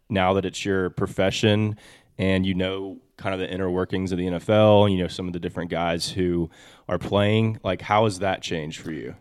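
A man's voice: on the low side, a little mellow, dry recording, studio quality. A man hosting a podcast, asking long, rambling questions with restarts. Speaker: podcast host. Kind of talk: interview questions.

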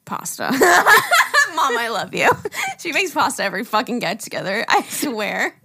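A woman's voice: fairly high pitch, big pitch swings, measured pace, creaky, very noisy. A woman from Long Island with a Long Island accent, chatting casually and swearing freely with a friend. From Long Island, New York.

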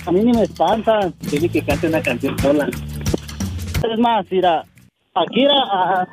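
A man from Guerrero in Mexico calling a radio show, joking loudly. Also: high-pitched, lively intonation, measured pace, over music. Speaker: caller.

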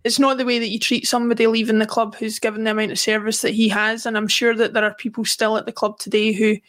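A woman, co-hosting a football podcast in casual chat, measured as she runs through lists of players. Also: on the high side, flat delivery. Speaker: podcast co-host.

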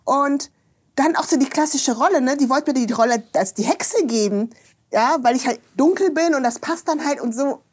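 A woman guest on a podcast, chatting casually and telling lively stories that act out what people said. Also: sits high, moderate pace. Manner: lively storyteller, acts out quoted dialogue, frequent tag questions.

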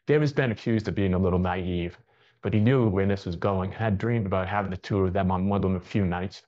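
Low-voiced man reading a story. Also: a little fast, darkish tone, highs cut off. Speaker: narrator.

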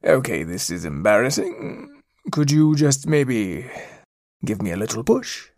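A man's voice: mid-range voice, sing-song, measured pace, darkish tone, dry recording, clean studio sound. A man doing a sneering, drawling bully cat. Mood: taunting. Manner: taunting, drawling.

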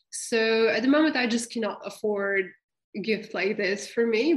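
Slow-talking woman, hesitant. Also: mid-range voice, rough recording. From Bulgaria. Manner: hesitant, many fillers and restarts, laughs often. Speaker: guest. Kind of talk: casual interview chat.

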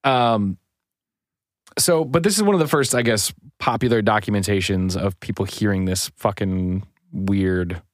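A man's voice: fairly low pitch, unhurried, no room sound, studio quality. A man co-hosting a podcast in casual chat, joking and a bit self-deprecating. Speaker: podcast co-host.

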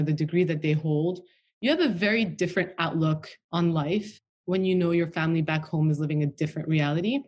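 A woman with a lowish, slightly mellow voice, from Washington DC in the United States. She's a guest in a casual interview, talking loosely and at length, peppering her speech with "you know" and "like."

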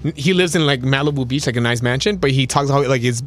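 A man's voice: medium pitch, fast talker, a bit bright. A man co-hosting a casual chat in chummy slang, dropping in bits of Spanish. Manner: chummy, slangy, says dude often. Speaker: podcast co-host.

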